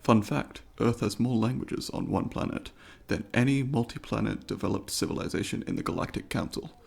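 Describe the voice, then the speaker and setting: In this ASMR roleplay, a man plays a courteous, keen alien student, speaking to the listener with formal precision, inquisitive and apologetic. His voice is fairly low, darkish, creaky and slightly rough, delivered fairly quickly in an exaggerated way. He sounds polite and curious.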